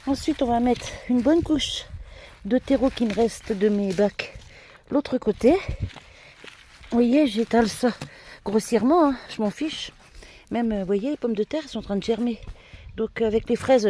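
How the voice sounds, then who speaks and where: A woman's voice: fairly high pitch, normal speed, dark tone. Woman gardener, chatty, winded and congested, outdoors with light wind. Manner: chatty, showing viewers around, sniffly. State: a bit out of breath, stuffy nose. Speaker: gardening vlogger. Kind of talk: casual garden vlog. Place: outdoors in a garden by a greenhouse, windy. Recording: faint wind noise outdoors.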